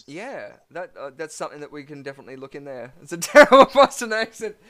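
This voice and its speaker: A man's voice: fairly high pitch, sing-song, fast, a bit bright. A man hosting a live online quiz in a chatty, rambling way, full of fillers. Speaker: quizmaster.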